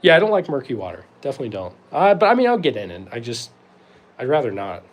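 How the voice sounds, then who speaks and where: A man's voice: medium pitch, huge pitch swings, fast. A young man from North Carolina, hosting a casual livestream Q&A and answering chat in a laid-back, rambling way with lots of fillers. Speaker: host answering live chat questions.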